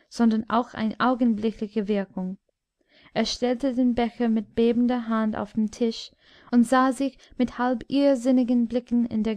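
A woman narrating a classic tale in a measured, solemn audiobook reading. Her voice sits fairly high and she takes a slow, careful pace. The recording is dry and close, with no room sound. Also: darkish tone, no echo. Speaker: audiobook reader. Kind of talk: scripted literary narration.

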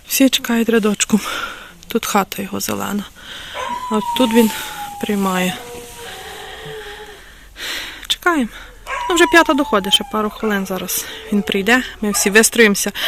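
A woman's voice: medium pitch, fairly bright tone, a little hiss or hum. Chatty woman vlogger. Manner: chatty, often addresses viewers as friends. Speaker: village vlogger. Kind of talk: casual travel vlog. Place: in a car and outdoors in a village.

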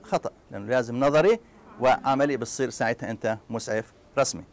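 A man with a Palestinian Arabic accent lecturing a class at a very quick clip. His pitch sits in the middle of the usual male range, and he keeps stopping to act out short scenes and throw asides to his students. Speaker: university lecturer.

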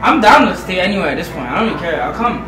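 A man's voice: sits high, very animated, racing, pushed and bright, a little hiss or hum. A young man from Canada talking casually in a vlog, hyped and swearing freely. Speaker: vlogger and basketball player.

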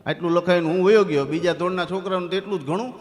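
Man with a Saurashtra Gujarati accent, a fairly high voice, telling live folk-stage comedy. He is animated and acts out voices. The sound comes from a stage mic in a reverberant hall. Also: very fast. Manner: animated, acts out other people's voices with sudden jumps in pitch. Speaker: comedian and storyteller. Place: stage before a live audience. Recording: live hall with long reverb and faint music.

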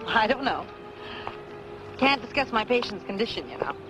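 An actress playing a young nurse, light, teasing and self-assured, in a 1950s film. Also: female voice, fairly high pitch, sing-song, moderate pace, music in the background, rough recording. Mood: conversational. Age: young adult.

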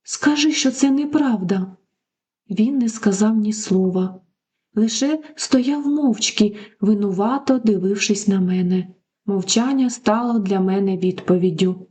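A woman narrating a first-person life story in a slow, sorrowful, intimate way. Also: mid-range voice, warm tone.

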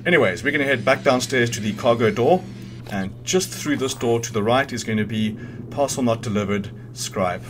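Lively intonation marks this man's medium-pitched voice as he gives an informal game walkthrough at normal speed, thinking out loud and revising as he goes. Background noise mixes with video game music and sounds.

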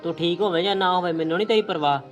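A man's voice: high voice, racing, soft background music, natural voice. Man as a curt neglectful husband. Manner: curt and dismissive. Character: neglectful young husband who later repents. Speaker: son and husband; channel host. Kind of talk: amateur family drama.

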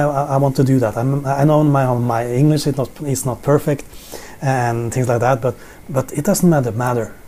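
This middle-aged man from Norway has a medium-pitched, dark voice and a Norwegian accent. Sitting on his living room sofa, he gives informal Bible teaching in English to a camera in front of him in a seated framing, often repeating words while he searches for them.

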